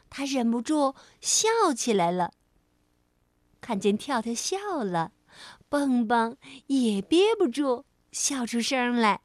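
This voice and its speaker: A woman storyteller reading a children's story gently and slowly. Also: on the high side, dry recording, clean studio sound. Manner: gentle, slow, soothing narration.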